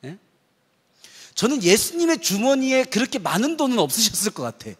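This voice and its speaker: A male pastor preaching a sermon, lively, acting out loud cries and quoted prayers to the congregation. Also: extremely high pitch, a little fast, slightly rough. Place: church sanctuary. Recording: long hall reverb of a church.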